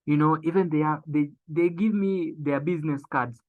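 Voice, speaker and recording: Pitched on the high side, this young man's voice sounds tinny, as if over a phone. He's giving an emphatic motivational talk on business, stressing his main phrases by repeating them and slowing down.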